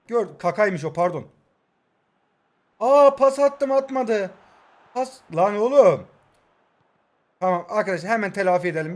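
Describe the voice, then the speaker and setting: Excitable young man commentating his game. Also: sits high. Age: 20s. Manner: excitable, shouts at players, mutters asides. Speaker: mobile football gamer. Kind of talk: live gameplay commentary.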